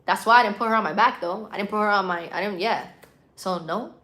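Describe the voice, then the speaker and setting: Female livestream host, Puerto Rican accent, medium pitch, informal and playful, answering comments in loose slangy talk. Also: fast, a bit bright. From Puerto Rico. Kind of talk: casual live-stream chat answering viewer comments.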